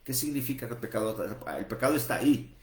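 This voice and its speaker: A man preaching a sermon at a middle pitch, working through numbered points and rhetorical questions with frequent restarts. The room is echoey. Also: fast. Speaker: pastor.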